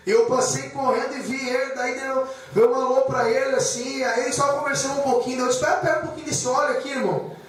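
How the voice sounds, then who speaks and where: A man preaching a sermon with personal testimony, emotional and repetitive, calling the congregation brothers. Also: very high voice. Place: church hall. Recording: echoey church hall from far off.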